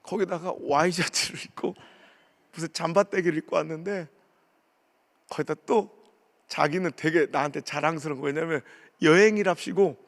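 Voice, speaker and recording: A male pastor preaches a revival sermon as a story. His voice sits high for a man and has a gravelly edge, and he swings into acted voices for his family. He sounds like a man in his forties. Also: moderate pace, pauses often. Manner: animated storytelling, acting out family members' voices.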